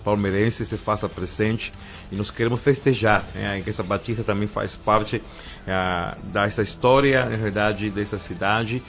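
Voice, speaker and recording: Cuban pastor guy on the radio, kinda low voice, calm and steady, says yes yes a lot. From Cuba. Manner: calm, measured, repeats affirmations. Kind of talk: radio interview guest.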